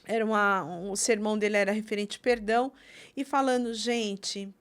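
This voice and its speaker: A woman's voice: medium pitch, quick pace, clean tone. A woman, a podcast host telling a story and acting out the voices of the people in it. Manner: animated storyteller acting out quoted speech. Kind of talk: casual chat, storytelling.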